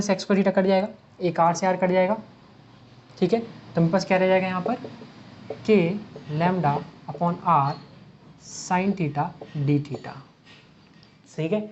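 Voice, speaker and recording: A man's voice: high-pitched, takes it slowly, long pauses, darkish tone, a little hiss or hum. A man teaching a physics lecture, working steps on a board while asking and answering his own questions and mixing in English math terms. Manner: asks rhetorical questions and answers them step by step. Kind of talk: exam-prep lecture worked on a board. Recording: dull lo-fi sound.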